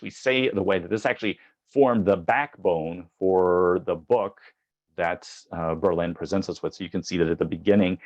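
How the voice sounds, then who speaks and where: A man with a very deep, low-pitched voice delivers an academic lecture. He speaks in a measured, thoughtful way and fills his pauses with frequent ums and uhs. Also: dull audio. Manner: reads quoted passages from books aloud.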